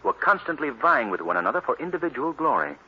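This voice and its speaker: In a 1940s-style radio drama, an actor voices an earnest, resolute crime fighter with emphatic, dramatic delivery. His medium-pitched voice is sing-song, fast, and slightly rough, the mood serious and thoughtful, on a noisy, dull old radio recording.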